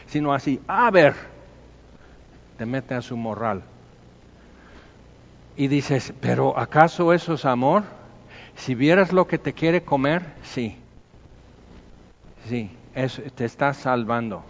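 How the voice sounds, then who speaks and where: A man with a Mexican Spanish accent preaching a conversational sermon, acting out little dialogues and swinging from hushed to loud. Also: mid-range voice, big-room sound, highs cut off. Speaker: pastor.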